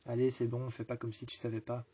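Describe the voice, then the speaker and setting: A man voicing a weary, impatient young man in a spoken story, in a soft, sighing delivery. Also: medium pitch, monotone, quick pace, slightly rough, lightly acted. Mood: weary teasing. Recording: dull lo-fi recording.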